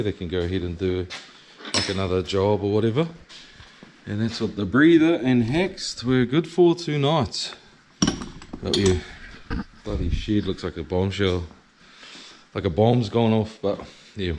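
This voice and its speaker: Casual male vlogger, broad New Zealand accent, deep-pitched, slangy and sweary, slightly noisy handheld recording. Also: darkish tone. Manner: laid-back, slangy, sweary. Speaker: vlogger and drift car driver. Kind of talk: casual video diary.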